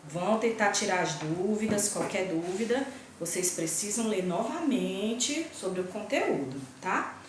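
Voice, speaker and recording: A woman's voice: mid-range voice, animated, measured pace, far from the mic, background noise. Woman teacher in an echoey room. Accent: Brazilian Portuguese. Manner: patient, checks in with "certo?" and "tá?". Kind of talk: grammar lesson to students.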